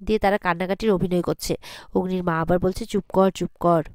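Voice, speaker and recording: A woman's voice: lowish voice, fairly even intonation, a little fast, no echo. A woman casually recapping a TV serial episode, retelling scenes and reading out the characters' lines with filler sounds.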